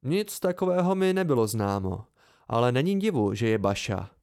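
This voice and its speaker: A man voicing a calm, dry-humored young man who speaks in a measured way, in an amateur audiobook. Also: medium pitch, clear, resonant tone.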